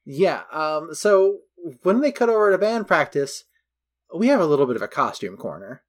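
A man's voice: fairly high pitch, big pitch swings, normal speed. A man co-hosting a casual film recap podcast, chatty and detailed, going through costumes item by item. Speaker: podcast co-host.

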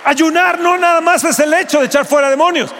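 Fervent high-voiced preacher in a reverberant hall. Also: male voice, steady tone, a little fast, a faint crowd. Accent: Mexican Spanish. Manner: fervent preaching, often shouting. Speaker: pastor. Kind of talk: sermon. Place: church auditorium.

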